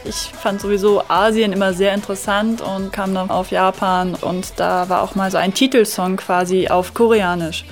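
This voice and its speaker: A woman's voice: medium pitch, steady tone, normal speed, few pauses, faint music behind. Easygoing woman from northern Germany. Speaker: dancer in a dance group. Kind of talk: casual interview.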